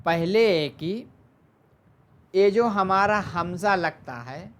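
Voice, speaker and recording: A teacher giving an online Arabic grammar lesson, explaining slowly, mixing in English terms, and asking the class questions before answering them. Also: mid-range voice.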